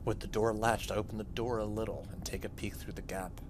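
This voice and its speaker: With game music playing behind him, a man narrates a playthrough, alternating between reading on-screen text and making offhand comments. He speaks fairly quickly in a lowish voice with fairly even intonation, and there is a slight hiss or hum.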